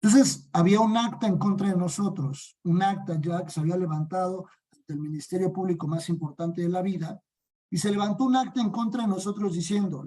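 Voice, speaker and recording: A man with a Mexican accent teaches a Bible study class, putting questions to his listeners and answering them himself. His voice is very dark and mellow, with a slightly husky edge. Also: high-pitched, poor audio. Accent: Mexican Spanish. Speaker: discipleship teacher.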